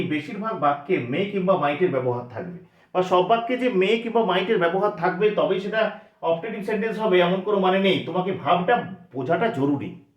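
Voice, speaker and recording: A man teaching a grammar lesson for exam preparation, explaining step by step and asking his students questions that he then answers himself. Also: high-pitched. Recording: echoey, dull lo-fi recording.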